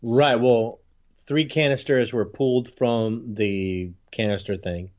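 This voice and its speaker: A man's voice: medium pitch, takes it slowly. Guy rambling on a podcast, tons of "like" and restarts, kinda muffled audio. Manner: rambling, animated, many fillers and restarts. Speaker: podcast co-host. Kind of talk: casual chat.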